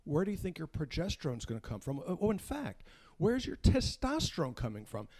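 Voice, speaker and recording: A male guest doctor gives an informal medical lecture in an unfinished studio, speaking emphatically and folksily with rhetorical questions. His voice is on the high side and a little mellow, with huge pitch swings and a brisk pace.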